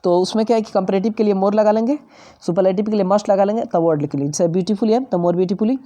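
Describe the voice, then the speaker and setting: A woman's voice: mid-range voice, fast talker, warm tone. A woman teaching grammar in a patient, step-by-step way, repeating example words. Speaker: English teacher. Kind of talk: grammar lesson explanation.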